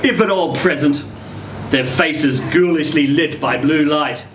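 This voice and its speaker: In a slightly high voice and at a measured pace, a reader at a live literary event performs a short story with expressive, theatrical delivery and acted quotes. The indoor social venue is heard through a roomy, distant recording with noisy hum.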